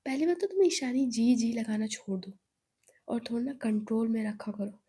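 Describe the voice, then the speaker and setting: A woman's voice: fairly high pitch, moderate pace, dark tone, breathy edge. A woman voicing a blunt, teasing young woman. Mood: fierce. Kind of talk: storytelling role voice.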